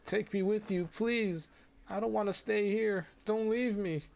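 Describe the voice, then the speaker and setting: A man voicing a frightened dying young girl who pleads in a high, tearful voice. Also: fairly even intonation, measured pace, gravelly, a little mellow. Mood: pleading, desperate.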